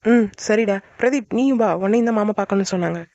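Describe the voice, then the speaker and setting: A brisk, caring older sister in a cartoon, voiced by an actor, rattling off instructions very quickly. The sound is dry and muffled. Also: mid-range voice, a little mellow, no echo, natural voice. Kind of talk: cartoon voice acting.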